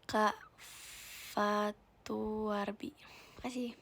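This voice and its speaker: A woman's voice: medium pitch, little pitch movement, drawn-out words, vocal fry, a bit bright. A young woman chatting casually on a livestream, playful and giggly, often dropping into a whisper as she reads viewer comments into her phone. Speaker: idol livestreamer.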